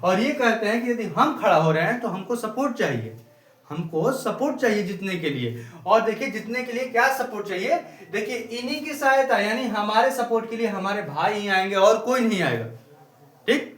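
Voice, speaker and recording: A man with a high voice teaches a grammar lesson in a classroom. He repeats key words slowly, dragging them out as if dictating to students. The room rings with a clear echo. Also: lively intonation, fairly bright tone. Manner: repetitive, drawn-out word-by-word dictation. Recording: echoey room.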